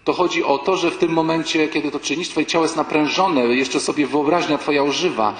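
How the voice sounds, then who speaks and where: Animated male priest in an echoey hall. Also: on the high side, fairly quick. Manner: animated storytelling, acting out people in the stories. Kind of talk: sermon-like talk with anecdotes. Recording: echoey hall with long reverb, faint background ambience.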